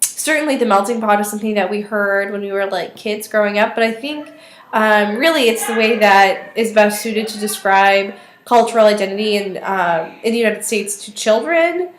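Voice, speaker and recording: A woman's voice: medium pitch, normal speed. A woman in her twenties with a weak, thin voice, talking casually and tentatively as she thinks aloud in a video response. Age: 20s. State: weak voice today. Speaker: student vlogger. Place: small indoor office or study. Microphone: webcam or laptop microphone at arm's length. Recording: roomy, echoey webcam sound.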